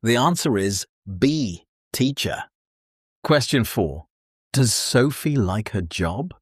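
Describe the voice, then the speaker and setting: A man with a British accent presenting an English lesson for beginners in a slow, clear teaching voice. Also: medium pitch, very animated, no room sound, studio quality. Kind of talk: scripted lesson narration.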